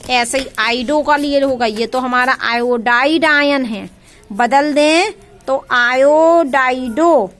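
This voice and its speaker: High-voiced woman teaching chemistry. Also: fairly bright tone. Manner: repeats terms and quizzes students with questions; addresses students affectionately as child. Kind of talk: classroom lecture.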